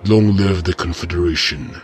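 A man's voice: sits low, steady tone, normal speed, soft background music, voice pushed down. A man through a voice changer as a stately national leader. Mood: solemn. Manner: solemn, declamatory. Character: stately male leader of a united island nation. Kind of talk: formal national address.

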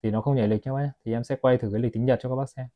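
A man's voice: medium pitch, steady tone, very fast, dark tone. A man selling watches, chatting to his viewers as he films a product review on his phone. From Vietnam. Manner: chatty, keeps addressing viewers as "các bác". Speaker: watch seller.

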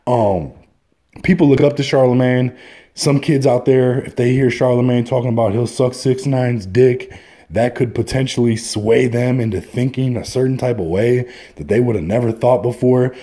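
Mellow-voiced man giving indignant commentary. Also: mid-range voice, fairly even intonation, moderate pace. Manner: indignant, rambling with repeats. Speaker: YouTube commentary host. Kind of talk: casual opinion vlog.

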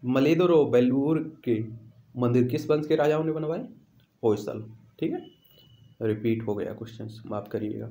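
In an echoey room, a man teaches through an exam quiz, stressing each point by saying questions and answers twice. He speaks in a mid-range voice with a dark tone.

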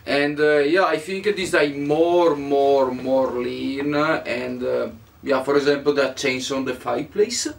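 A young volunteer searches for words in broken English, sitting indoors by a fireplace. His gravelly voice sounds set back from the microphone, with a faint hiss of noise behind it. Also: medium pitch, fairly even intonation, slow pace, far from the mic. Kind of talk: halting interview answers. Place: living room by a fireplace.

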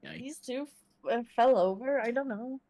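A woman's voice: a little high, normal speed, dark tone. A woman playing a group game on voice chat, teasing and talking over the others. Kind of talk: casual gaming chat.

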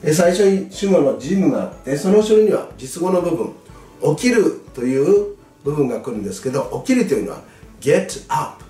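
A man tutoring exam students in English grammar, patient and clear, stressing key words with a rise in pitch. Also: big pitch swings, moderate pace, warm tone, recorded from a distance. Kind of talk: lesson explaining grammar. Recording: echoey room, voice away from mic, faint music.

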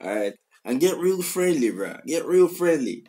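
His voice is fairly high, sing-song and dark-toned, at normal speed: a Nigerian-accented man in his twenties hosting a reaction video. Sitting in a small room at home with music playing, he gives casual song commentary and repeats lyrics in slang.

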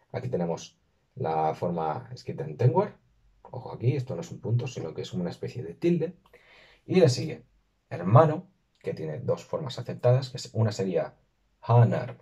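A man talks through a screen-recorded lesson. His voice is low and husky. He slows down to sound out each word with care, and the recording is dull and lo-fi. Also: warm tone. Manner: careful, slows and stresses words when modelling pronunciation. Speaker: language teacher.

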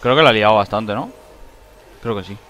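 A man giving excitable let's play commentary, shrieking when he panics. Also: lowish voice, a little fast, highs cut off. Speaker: gaming YouTuber.

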